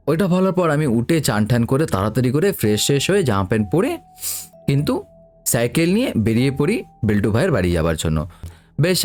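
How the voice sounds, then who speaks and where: A man's voice: mid-range voice, a little mellow. A man who tells a first-person story in a chatty way and speaks straight to his listeners. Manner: chatty, addresses listeners directly. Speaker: podcast storyteller.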